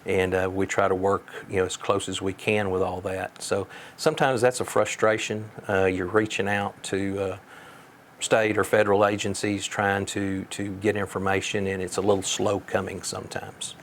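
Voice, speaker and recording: A man speaking as a sheriff in an interview, giving measured answers in a plain-spoken, folksy way. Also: low-pitched, level tone, slight background noise.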